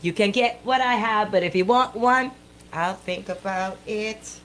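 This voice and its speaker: A woman with a Bahamian accent and medium-pitched voice hosts a live radio show, bantering casually in a playful, animated, colloquial style at an unhurried pace. There's a little hiss or hum.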